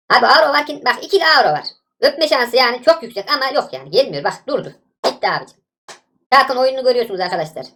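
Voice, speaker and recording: A woman giving live gameplay commentary as a gaming YouTuber, excitable and exasperated, shouting back at the game. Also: medium pitch.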